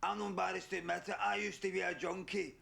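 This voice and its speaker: A man playing a brash middle-aged Scottish woman, a former junkie, in a comedy sketch, with a raspy voice and a blunt, defiant ramble. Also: high-pitched, little pitch movement, fast talker, sharp tone, pitched above the performer's own voice, heavily acted. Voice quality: raspy, gravelly.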